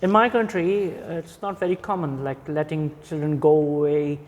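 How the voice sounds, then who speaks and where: A man's voice: a little high, fairly even intonation, moderate pace, big-room sound. A man who teaches languages, interviewing a guest with hesitant questions full of fillers.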